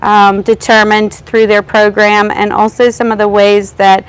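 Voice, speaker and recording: A woman host introducing a guest speaker at a public talk, pausing with ums. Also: medium pitch, little pitch movement, smooth, poor audio. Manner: hesitant, many ums. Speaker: event host.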